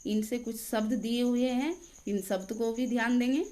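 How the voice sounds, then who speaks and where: A woman teaching a grammar lesson, reading rules and examples aloud in a slow, deliberate dictation. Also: on the high side, dark tone.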